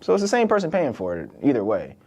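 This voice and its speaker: A man's voice: medium pitch, wildly swooping pitch, fast talker, darkish tone, breathy edge, dull audio. A young man, a podcast host from Virginia, talking in a loose, conversational solo monologue full of "like" and "right?". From born in the UK, raised in Virginia.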